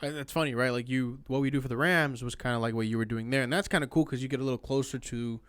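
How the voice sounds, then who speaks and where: Male podcast host, smooth clear voice, dry close sound, relaxed and hesitant, laughs along. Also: medium pitch, fast, no echo. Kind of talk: casual chat.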